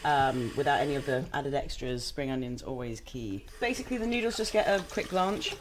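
Young woman from Hong Kong, low voice, chatty home cook, faint background hiss. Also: animated, brisk. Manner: chatty, laughs often. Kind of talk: casual chat while cooking.

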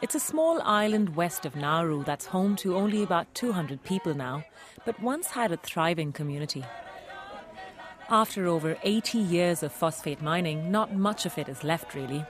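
A woman host reading a scripted radio documentary narration in a calm, clearly paced way. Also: fairly low pitch, normal speed, soft background music.

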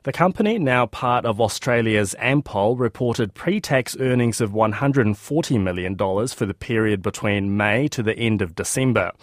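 A man's voice: on the low side, lively intonation, moderate pace, hardly any pauses, no echo. New Zealand newsreader, dry studio sound, male. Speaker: business news presenter. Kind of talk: scripted news reading with interview links.

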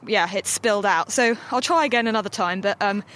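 A woman's voice: medium pitch, fairly quick, fairly bright tone. A woman physicist doing a hands-on demonstration outdoors in a car park, explaining eagerly as she works. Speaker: physicist panelist. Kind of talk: live demonstration from outside.

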